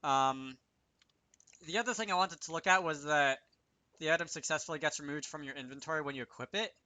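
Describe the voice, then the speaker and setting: A man with a fairly high, pushed, bright voice talks briskly while hosting a casual game programming tutorial. Close to his desk microphone, with no echo, he thinks out loud, mutters to himself, and fixes his own mistakes as he works.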